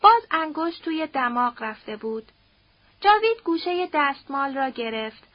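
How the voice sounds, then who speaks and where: A woman narrating a novel as an audiobook in a steady, expressive storytelling manner. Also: high voice, dry recording. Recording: dull dry audiobook recording.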